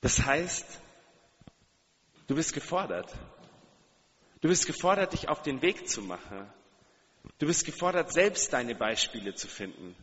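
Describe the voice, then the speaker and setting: A man's voice: a little high, very animated, a little slow, long pauses, a bit bright. A man preaching a sermon, speaking earnestly and putting direct questions to his listeners, repeating key phrases for emphasis. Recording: long hall reverb, dull sound.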